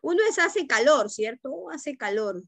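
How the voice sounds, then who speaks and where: High-voiced woman teaching online. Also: animated, a little slow, gravelly, dry recording. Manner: corrective, checks in with frequent "¿ya?". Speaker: English teacher. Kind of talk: online class, correcting reading. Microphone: video call.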